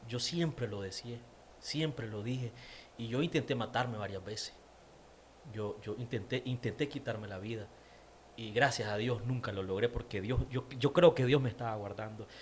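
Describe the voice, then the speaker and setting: A man's voice: medium pitch, normal speed, slight background noise. A man with a Nicaraguan accent, an interview guest giving a personal faith testimony, repeating words for emphasis. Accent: Nicaraguan Spanish.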